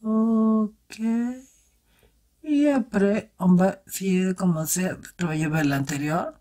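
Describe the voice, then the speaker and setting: A woman's voice: medium pitch, takes it slowly, warm tone. A woman vlogger chatting through a makeup tutorial, talking straight to her viewers with enthusiastic exclamations. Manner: chatty, talks straight to viewers while working. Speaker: beauty vlogger. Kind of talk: casual makeup tutorial chat.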